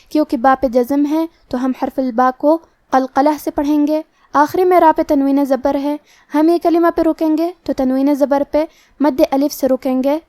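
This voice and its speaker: Female recitation teacher, high voice, dry close recording, patient and methodical delivery. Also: warm tone, dry recording. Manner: slow, careful letter-by-letter explanation; slow melodic recitation. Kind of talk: tajweed lesson.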